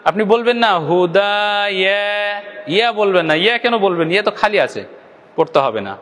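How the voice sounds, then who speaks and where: Addressing viewers directly, this Bangladeshi teacher explains Quran recitation step by step in a sing-song, quick delivery. He answers his own questions and elongates syllables to show how they sound. His high, fairly bright voice carries through a large hall.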